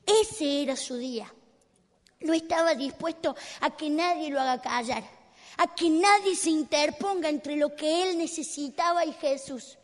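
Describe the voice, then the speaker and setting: A woman's voice: sits high, unhurried. A woman preacher with an Argentine accent telling a Bible story dramatically in a sermon, in a church hall. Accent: Argentine Spanish. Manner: dramatic, builds to emphatic peaks. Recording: long hall reverb.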